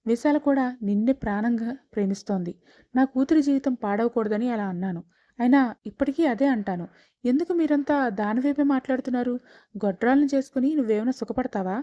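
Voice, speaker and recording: A woman's voice: fairly high pitch, a little fast, dark tone, no room sound, highs cut off, close to an everyday voice. A woman playing a scheming middle-aged aunt. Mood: insistent. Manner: insistent, defensive, pleading her case.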